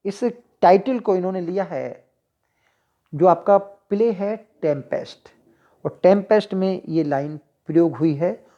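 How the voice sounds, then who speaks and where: A woman teacher with a Hindi accent, going through exam practice questions, reading each one slowly and then explaining the answer choices. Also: on the low side, dark tone, dull audio. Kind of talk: exam-prep lesson.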